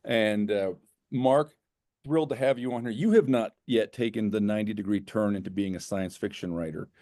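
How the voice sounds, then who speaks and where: A man's voice: lowish voice, moderate pace, warm tone, dry recording, studio quality. A man hosting a casual interview who rambles, stopping and restarting his phrases. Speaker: podcast host and editor. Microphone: remote call.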